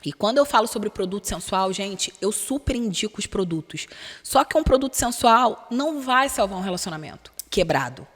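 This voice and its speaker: A woman's voice: mid-range voice, expressive, brisk, big-room sound. A Brazilian woman, a relationship mentor, talking frankly and expressively as a podcast guest and acting out quoted voices. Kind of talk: candid podcast interview talk. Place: recording studio.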